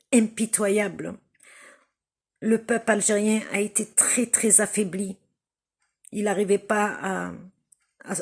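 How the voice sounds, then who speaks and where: A woman from Algeria making an impassioned spoken appeal to her viewers. She speaks slowly and emphatically, repeating phrases for stress. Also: mid-range voice, darkish tone, breathy edge. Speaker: vlogger addressing viewers.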